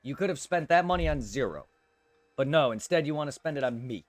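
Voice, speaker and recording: A live streamer with a slightly high, normally very quiet voice talks off the cuff to his chat at a brisk clip, his intonation lively. He's blunt and repetitive and swears now and then, with no room sound and soft music in the background.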